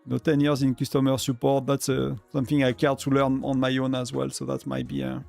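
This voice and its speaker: A man's voice: mid-range voice, monotone, a little fast, vocal fry, darkish tone, faint music behind. A man with a French accent, whose first language is French, chatting casually on a live game stream, rambling with many fillers and restarts. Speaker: gaming streamer.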